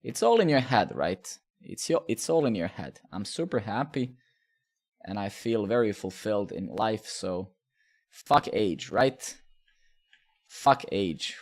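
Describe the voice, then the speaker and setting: A man in his thirties from Serbia, chatting casually with viewers while live coding, rambling with fillers, swearing and asking "right?". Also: on the low side. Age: 30s.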